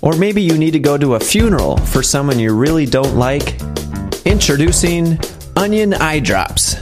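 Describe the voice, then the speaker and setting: A man giving a deadpan, scripted announcer read for a parody commercial. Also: fairly high pitch, normal speed, music in the background.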